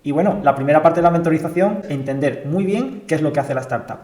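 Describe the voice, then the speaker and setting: Guy walking through a startup case study, calm explainer tone, echoey room. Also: a little high. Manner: measured, explanatory. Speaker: startup mentor and presenter. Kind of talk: scripted narration.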